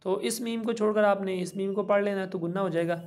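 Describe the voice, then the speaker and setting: A man teaching a Quran reading lesson, patiently spelling out each letter and vowel mark, with slow drawn-out recitation between explanations. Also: high-pitched, steady tone, a little mellow.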